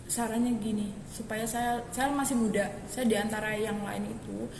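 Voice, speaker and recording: A woman's voice: on the high side, little pitch movement, moderate pace, creaky. A young woman being interviewed, telling her story casually and rambling a little with restarts. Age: young adult. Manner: rambling, with many restarts and fillers. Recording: echoey hall with background noise.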